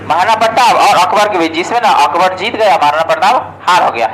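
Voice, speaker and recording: A man's voice: sits high, expressive, brisk, fairly bright tone, slight background noise, rough recording. A man giving a casual exam-prep history lesson, asking questions and answering them himself. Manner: asks questions and answers them himself, often says "ठीक है". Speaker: exam coaching teacher.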